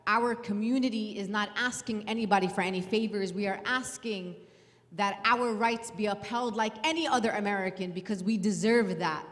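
A woman's voice: mid-range voice, moderate pace. A woman in her thirties from New City, speaking earnestly and with emphasis at a panel event on a handheld mic. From New York City. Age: 30s. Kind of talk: impassioned panel talk. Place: event hall, indoors. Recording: hall reverb.

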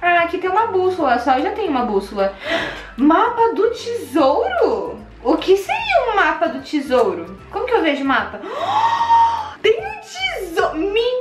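A young Brazilian woman with a Brazilian Portuguese accent, hosting an excitable Minecraft let's play and gasping at every find. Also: extremely high pitch, normal speed, roomy sound, over music. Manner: excitable, gasping, squealing at finds. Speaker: gaming channel host.

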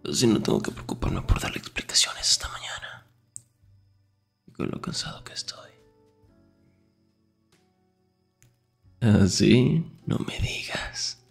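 In an intimate Spanish-style ASMR roleplay, a man plays a grumpy, jealous, protective young best friend, breathy and often whispering, defensive and sarcastic. He uses a full character voice, lowish in pitch, with a tired, hushed mood.

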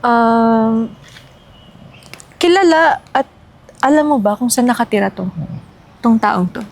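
A woman playing a furious wife who loudly accuses another of stealing her husband, in a short film. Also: a little high, animated, slow pace, heavily acted. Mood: polite, asking. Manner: loud, accusing, theatrical shouting. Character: furious wife confronting a suspected mistress.

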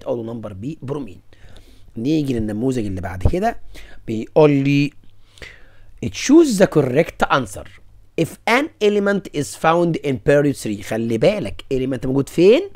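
A young man with an Egyptian Arabic accent teaching a science exam review, mixing English terms into his Arabic and quizzing students. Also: fairly high pitch. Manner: lively, mixes English terms into Arabic, asks students questions.

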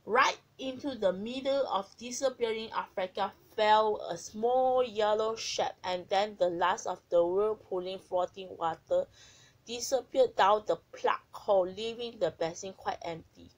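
A woman narrating a children's story aloud in a gentle, expressive way. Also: medium pitch, measured pace, no echo, poor audio.

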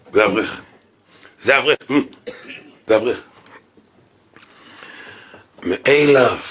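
Rabbi guy lecturing in shul, jokey and lively, bright forceful voice. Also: mid-range voice. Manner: animated, joking, acts out quotes. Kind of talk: Torah lecture. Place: synagogue.

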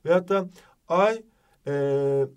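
A man teaching a jokey exam-prep lesson, with a Turkish accent, reading English phrases slowly. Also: a little high, smooth, far from the mic.

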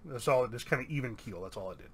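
A man's voice: medium pitch, lively intonation, rapid-fire, breathy edge. A man hosting a casual pack-opening video, reading out card names in an upbeat, chatty way with an American accent. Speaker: YouTube host opening card packs.

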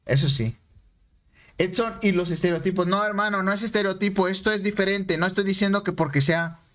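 A Mexican man streaming a game, chatting excitably with viewers and repeating himself. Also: high-pitched, fairly quick. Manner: excitable, repeats phrases, banters with chat. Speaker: gaming streamer. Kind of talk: casual live-stream chat over gameplay.

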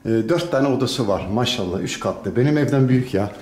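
A man from Turkey, a general contractor, chatting casually in a vlog from a house he is renovating, grumbling and swinging from tired sighs to loud rants. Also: mid-range voice, expressive, fairly quick, echoey room. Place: house under renovation, indoors.

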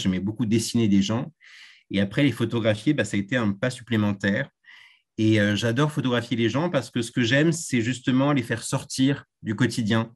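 A man who works as a tour guide, talking as a podcast guest in a thoughtful, hesitant way with pauses and repeats. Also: mid-range voice. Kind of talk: relaxed interview answer.

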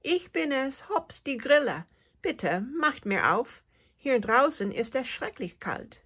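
A woman voicing a small, cheerful male cricket who is cold and hungry, with a thin, high, chirpy voice, in a storybook reading. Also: very animated, slow pace, a bit bright, breathy edge, heavily acted. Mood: pleading.

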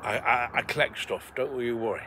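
Out by the seaside at night, an English vlogger in his forties rambles casually on a livestream, swearing freely as he talks to viewers. He speaks briskly at medium pitch with a pushed, bright tone, and slight background noise is present.

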